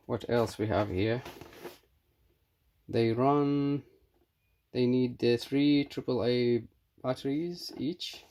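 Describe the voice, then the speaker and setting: A reviewer with a medium-pitched, darkish voice gives a casual, unscripted product demonstration, hesitating and thinking aloud as he goes. The background is clearly noisy and has clicks.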